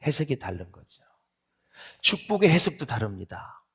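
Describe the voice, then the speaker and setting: A Korean pastor preaching in a church, swinging between loud exclaiming and soft near-whispered asides, asking the congregation questions and answering them himself. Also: male voice, mid-range voice, sing-song, moderate pace, husky. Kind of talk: sermon. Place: church sanctuary.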